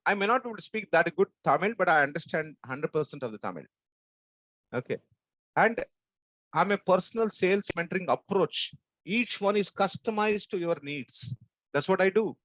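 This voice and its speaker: A man of about sixty with a strong South Indian Telugu accent from Andhra, giving an emphatic training talk in short, deliberate phrases with rhetorical questions. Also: high-pitched, animated, fairly bright tone, no echo, rough recording. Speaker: sales trainer and business coach. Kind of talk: motivational training talk to an audience.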